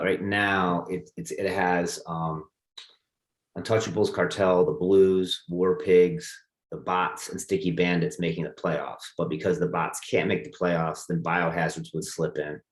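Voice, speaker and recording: A man with a very deep voice chats about fantasy football odds and playoff chances. He thinks aloud loosely, restarting phrases and leaning on "you know." His voice sounds roomy, with echo around it. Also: flat delivery, normal speed. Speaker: fantasy football league co-host. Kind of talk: casual podcast chat.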